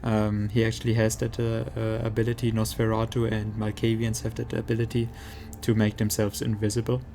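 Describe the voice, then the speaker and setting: A man giving casual gameplay commentary as a streamer, halting as he thinks aloud. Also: fairly low pitch, monotone, gravelly, dark tone, slight background noise. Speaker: game streamer. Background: game music.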